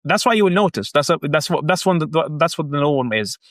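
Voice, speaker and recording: A man's voice: fairly high pitch, big pitch swings, a little fast, a bit bright, no room sound. A man from Egypt in his thirties, a guest on a business podcast, explaining his work earnestly step by step. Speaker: guest, marketing agency founder. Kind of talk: casual podcast interview.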